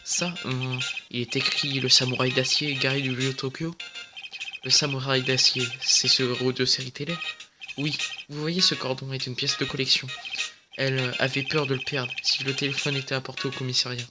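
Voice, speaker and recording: A man's voice: medium pitch, flat delivery, moderate pace, loud music behind the voice, close to an everyday voice. A man reading a hesitant young lawyer. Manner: hesitant, stammering.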